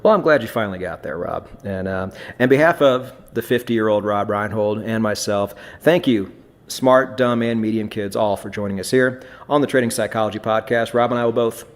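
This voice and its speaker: A man's voice: fairly low pitch, normal speed. A man hosting a podcast in casual chat, blunt and swearing freely, often restarting his phrases. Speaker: podcast host.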